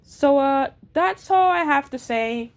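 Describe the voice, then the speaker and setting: A woman's voice: sits high, expressive, slow pace. A woman casually explaining the backstory of characters she made, stuttering and restarting often with lots of filler words. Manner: rambling, filler-heavy delivery. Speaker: creator explaining her character lore. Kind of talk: casual chat.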